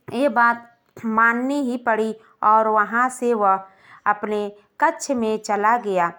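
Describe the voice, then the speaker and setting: A woman narrating a scripted moral story in a calm, gentle manner. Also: on the high side. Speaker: storyteller of moral stories for a channel.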